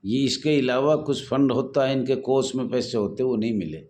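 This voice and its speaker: A man's voice: mid-range voice, normal speed, darkish tone. Earnest man pleading with supporters. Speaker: home guard association leader. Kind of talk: addressing supporters in a live online talk. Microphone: phone.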